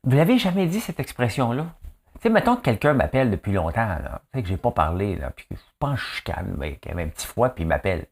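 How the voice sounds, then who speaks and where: A low-voiced Québécois man talks through the daily news in a loose, chatty way. His pitch swings up and down as he jokes and wanders into asides, full of fillers. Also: quick pace, vocal fry, breathy edge. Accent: Québécois French. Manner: chatty and animated, joking asides, many fillers. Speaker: host of a daily news commentary show. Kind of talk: casual news commentary. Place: rural home in the countryside.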